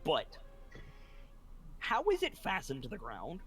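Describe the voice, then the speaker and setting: Guy at the table, kinda high and really bouncy, argues every point. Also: faint music behind. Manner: animated, quick to argue a point. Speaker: player. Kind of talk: casual chat at a game table.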